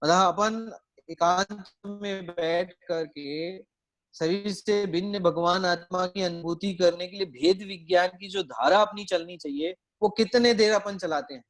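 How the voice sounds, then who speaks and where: A man's voice: high voice, unhurried, a bit bright. A man giving a Jain sermon to a seated audience, telling a story and putting questions to his listeners. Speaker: Jain preacher. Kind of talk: sermon with a told anecdote. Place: hall with a live audience.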